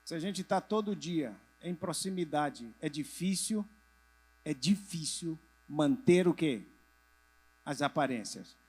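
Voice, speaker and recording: Speaking slowly with lively intonation and a voice on the high side, a middle-aged pastor addresses church leaders before a live audience in a convention hall. He asks questions and supplies the answers, now and then has listeners raise hands or turn to a neighbor, and at moments goes soft.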